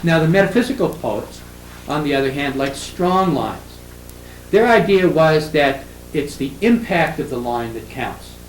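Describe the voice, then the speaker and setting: An older man giving a classroom lecture on poetry, halting with fillers and restarts, reading verse lines slowly with heavy stress. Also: fairly high pitch, lively intonation. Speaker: literature professor. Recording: echoey room with faint ambient noise.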